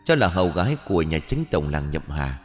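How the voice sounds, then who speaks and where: A man's voice: rumbling low, big pitch swings, fast talker, soft background music, pitched below the performer's own voice. Man doing scared ghost servant girl, tearful pleading, audiobook. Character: frightened twelve-year-old girl ghost servant.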